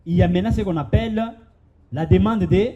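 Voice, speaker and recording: A man, an agency director addressing a conference audience in a deliberate, emphatic manner. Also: high-pitched, highs cut off.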